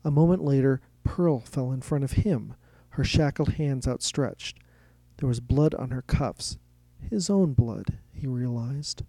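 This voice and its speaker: A man narrating a story in a steady, even reading style. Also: mid-range voice, a little slow, no echo.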